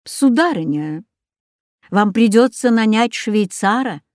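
Brief: strict ironic schoolteacher, read by a woman, slow and formal. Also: mid-range voice, lively intonation, a little mellow, dry recording. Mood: stern. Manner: dry, ironic formal address. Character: stern sarcastic male math teacher.

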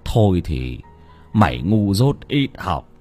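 A man voicing a cranky old village father who speaks slowly and scoldingly, wheezing near death. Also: lowish voice, bright, forceful tone, soft background music, full character voice. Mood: feeble. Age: older.

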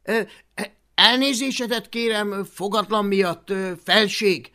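An audiobook reader voicing an eager young viking boy hero who talks loudly and urgently. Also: medium pitch, pitched above the performer's own voice, close to an everyday voice. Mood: flattering. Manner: loud, urgent, flattering.

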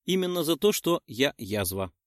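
Man doing a dignified sharp-tongued lady, wry, lively pitch, dry recording. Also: moderate pace, dry recording. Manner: dignified, caustic.

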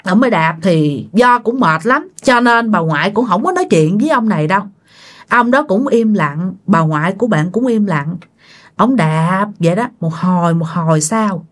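A woman with a medium-pitched voice tells a ghost story for her channel, keeping it chatty and colloquial and often addressing her listeners directly.

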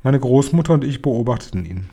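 A man reading a children's story aloud in a steady storytelling manner. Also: mid-range voice, a little fast, gravelly, breathy edge. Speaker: narrator. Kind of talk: audiobook reading.

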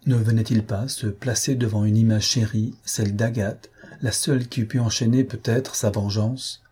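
Male reader, dark husky tone, steady novel narration. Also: fairly low pitch, normal speed. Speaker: audiobook reader. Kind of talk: reading a classic novel aloud.

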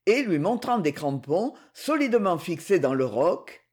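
A man narrating an adventure novel as an audiobook, in an expressive, dramatic reading. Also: high voice, a little slow.

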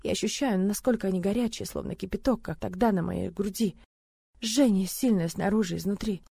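A woman's voice: mid-range voice, brisk, gravelly, mellow, breathy edge, dry recording. A woman giving an intense, dramatic first-person narration of a story. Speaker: audiobook reader.

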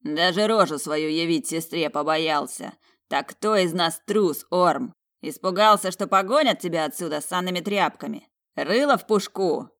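A woman's voice: on the low side, normal speed, fairly bright tone. A woman reading an audiobook, voicing a battered, defiant young male mage who taunts and mocks his rival. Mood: taunting. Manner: mocking, taunting.

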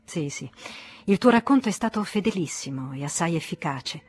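A woman reading the part of a calm, kindly older man who answers his friend with gentle, measured composure, in an audiobook. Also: lowish voice, breathy edge. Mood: serene.

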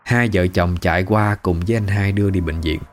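Low-voiced man telling a story. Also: brisk, faint music behind. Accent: Southern Vietnamese. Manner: conversational, emotive retelling. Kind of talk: first-person storytelling narration.

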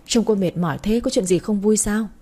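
A woman reading the part of a kind young man who coaxes and pleads gently, in an audiobook. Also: medium pitch, brisk, slightly rough, close to an everyday voice. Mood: concerned. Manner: coaxing, pleading.

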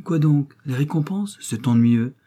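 A man's voice: measured pace, slightly rough. A man doing a frail, eager little boy. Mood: weary. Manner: excited, high-pitched cries.

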